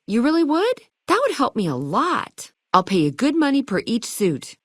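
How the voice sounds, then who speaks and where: This high-voiced young shopkeeper from a video game sounds bubbly and excited, sassy and theatrical, using retro slang at a normal speed. Her pitch swoops wildly, and she's recorded close and dry with no room sound.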